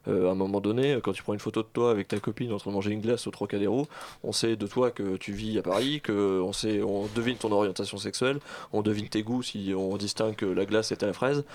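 A man's voice: on the low side, fairly even intonation, quick pace, a little mellow. A man on a radio panel, argumentative and teasing in casual discussion. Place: radio studio.

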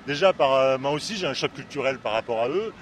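Earnest man, halting delivery, outdoor city recording with traffic noise. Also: mid-range voice, expressive. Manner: earnest, hesitant, many restarts. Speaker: volunteer French teacher. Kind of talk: personal testimony. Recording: noisy street recording.

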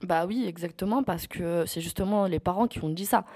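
A woman's voice: lowish voice, brisk, a little mellow. A teenage girl giving a frank, firm personal testimony with some hesitations, recorded live before an audience. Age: late teens.

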